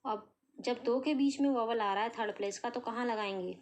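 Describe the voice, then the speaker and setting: A woman gives a patient, step-by-step lesson. She poses questions to an imagined class and answers them herself. She draws out each sound slowly as she goes. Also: fairly high pitch. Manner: explains patiently, asks and answers her own questions, sounds out letters slowly. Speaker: shorthand teacher. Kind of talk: step-by-step tutorial.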